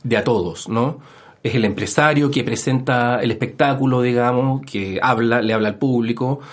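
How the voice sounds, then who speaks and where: Speaking into a studio microphone, a male Chilean historian takes his time explaining topics as a radio interview guest. His voice is mid-pitched, and his talk is full of fillers like "eh" and hedging tags like "¿no?"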